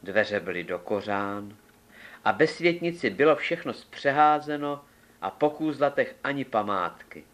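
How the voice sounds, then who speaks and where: A man reading a fairy tale aloud in a measured, expressive storytelling manner. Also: mid-range voice. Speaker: narrator.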